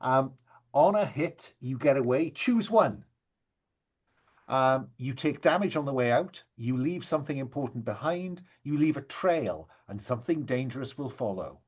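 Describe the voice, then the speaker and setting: A man acting as game master, narrating a tabletop role-playing game in a measured way with pauses, prompting the players. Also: medium pitch, animated, darkish tone, breathy edge, highs cut off.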